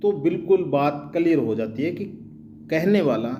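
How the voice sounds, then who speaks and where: A male teacher hosting his own channel, explaining grammar slowly and patiently and repeating example phrases with changing stress. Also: a little high, expressive, dull audio, slight background noise. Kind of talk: explanatory Hindi grammar lesson.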